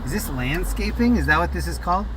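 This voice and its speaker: A man's voice: sits high, expressive, fast talker. A man giving casual, slangy live dashcam commentary while driving, sometimes swearing, as host of a livestream. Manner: informal, swearing, streetwise slang. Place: inside a car driving at night. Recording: loud car and road noise, dashcam audio.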